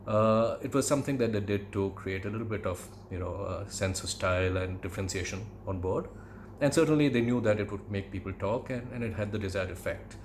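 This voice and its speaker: A middle-aged man from India with an educated Indian English accent, reminiscing in a conversational monologue with measured, hesitant phrasing. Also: fairly low pitch, slight background noise. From Calcutta, India. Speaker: podcast host, aviation commentator.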